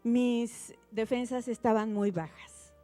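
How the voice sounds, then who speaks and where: A middle-aged woman giving a heartfelt faith testimony at a church gathering. She tells her story quietly and grows softer at the tender moments. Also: fairly high pitch, fairly even intonation, slow, soft background music. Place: church auditorium.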